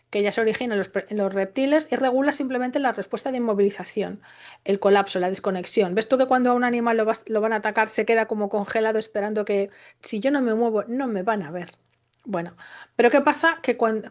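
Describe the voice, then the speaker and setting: A woman with a Spain Spanish accent explaining a topic in an unscripted talk, often restarting her sentences and asking rhetorical questions. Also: a little high. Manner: explains with rhetorical questions and frequent tag checks; restarts and self-corrections mid-sentence. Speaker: educator.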